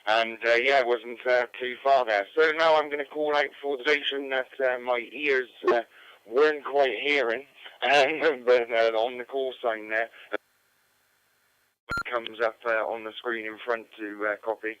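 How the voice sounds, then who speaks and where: A man's voice: medium pitch, fairly even intonation, unhurried, a bit bright, smooth, no echo. A man acting as net control on an amateur radio net, talking casually with many hesitant fillers. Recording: dull lo-fi radio audio.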